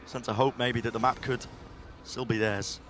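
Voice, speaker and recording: A man's voice: mid-range voice, steady tone, normal speed, a bit bright, slight background noise. A man working as an esports caster, calling live play in urgent, clipped running commentary.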